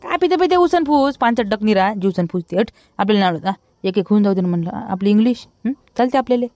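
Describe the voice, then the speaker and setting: A man playing a high, quick scolding villager. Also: expressive, dry recording. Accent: Vidarbha Marathi. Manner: scolding, rapid and loud. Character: fussy broke village man, always scolding. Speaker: villager in comedy sketch. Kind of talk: rustic comedy sketch acting.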